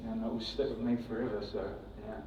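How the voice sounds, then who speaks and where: A man speaking at his father's funeral in a halting, tender way. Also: lowish voice, flat delivery, warm tone, slight background noise. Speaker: son giving a eulogy. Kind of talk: emotional funeral tribute. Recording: dull, distant, echoey sound.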